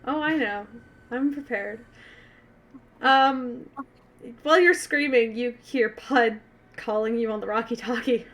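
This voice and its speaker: A woman running a tabletop game, narrating off the cuff in a casual, sweary way with dramatic pauses. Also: a little high, fairly bright tone. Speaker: game master.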